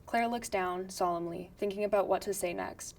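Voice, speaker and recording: A woman reading the stage directions of a script in a plain, even way. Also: mid-range voice, moderate pace, recorded from a distance.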